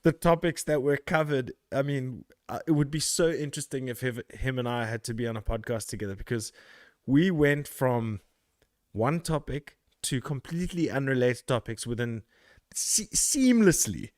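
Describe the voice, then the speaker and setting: A man's voice: medium pitch, normal speed, no room sound, studio quality. A man from South Africa hosting a podcast in casual chat, rambling, laughing and swearing loosely. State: out of breath. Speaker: podcast host.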